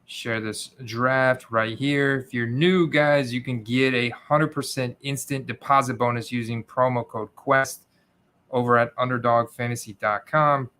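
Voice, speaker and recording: A man's voice: medium pitch, steady tone, measured pace, bright, forceful tone, clear, resonant tone. A man hosting a livestream, chatting casually and informally with his viewers. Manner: informal, addresses viewers as guys. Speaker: livestream host.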